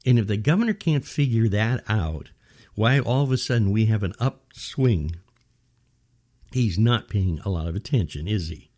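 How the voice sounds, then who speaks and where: A man's voice: on the low side, expressive, moderate pace, darkish tone. An older man with an American accent delivers an opinionated monologue, a grumbling old man's rant punctuated with rhetorical questions. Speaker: opinion commentator. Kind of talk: opinionated monologue rant about current affairs.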